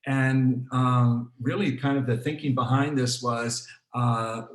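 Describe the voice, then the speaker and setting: A man, a program director, hosts an online student panel in a relaxed way, with many fillers and restarts. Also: medium pitch, slow. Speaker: program director hosting a webinar. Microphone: video call. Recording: roomy, echoey video call.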